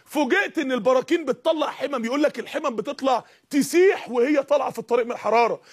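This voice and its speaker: A man with an Egyptian Arabic accent preaching a fiery sermon, firing rhetorical questions and rising to shouts. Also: very high-pitched, racing, breathy edge.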